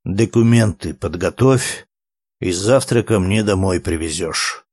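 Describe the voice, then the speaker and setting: A man voicing a stern wealthy man who speaks slowly and curtly. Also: low-pitched, darkish tone, breathy edge, dry recording, clean studio sound, voice pushed down, full character voice.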